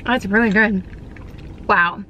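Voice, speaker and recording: A woman chatting casually to her camera in a vlog, lively and rambling, out and about on a hot day. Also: medium pitch, slow, a little hiss or hum. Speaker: vlogger.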